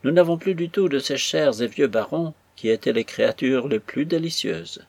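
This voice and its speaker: A man's voice: medium pitch, darkish tone, husky, no echo. A man reading an audiobook, voicing an effusive, theatrical elderly society lady. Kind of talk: audiobook character voice.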